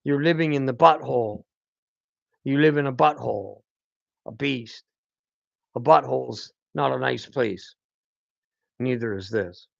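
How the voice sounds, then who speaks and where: Gravelly slow-talking man preaching. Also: medium pitch, no room sound. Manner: rambling, repeated prompts of "hmm?". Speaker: channel host, self-styled teacher. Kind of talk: rambling spiritual monologue. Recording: dull lo-fi dry recording.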